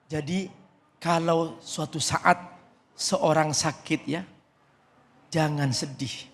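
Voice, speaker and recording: A man preaching to a studio audience, animated and joking with them, his voice jumping up high to stress a point. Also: slow. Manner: animated, jokes with the audience, swoops up high for emphasis. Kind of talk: humorous sermon to a studio audience. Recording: reverberant studio hall.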